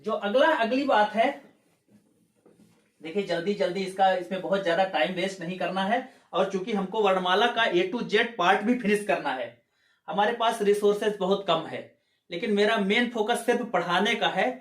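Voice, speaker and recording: In an echoey room, a man with a high voice and moderate pace teaches an exam-prep grammar lecture step by step. He poses rhetorical questions, repeats points, and checks in with his students using "ठीक है".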